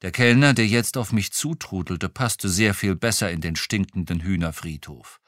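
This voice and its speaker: A man reading a first-person crime novel aloud, telling it in a wry, lively way. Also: low voice, moderate pace, no echo, clean studio sound. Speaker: audiobook reader.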